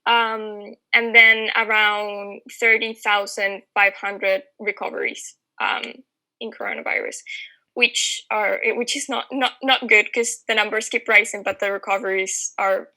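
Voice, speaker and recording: A woman's voice: medium pitch, unhurried, rough recording. A woman from Spain, a guest on a podcast, speaking casually over a remote call with frequent "um" fillers. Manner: relaxed, with "um" fillers. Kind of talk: casual conversation.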